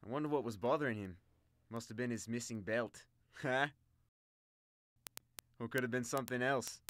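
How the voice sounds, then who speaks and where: A man's voice: mid-range voice, moderate pace, fairly bright tone, no echo, natural voice. A man playing a sarcastic demon hunter. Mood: dry sarcastic. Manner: dry, sarcastic.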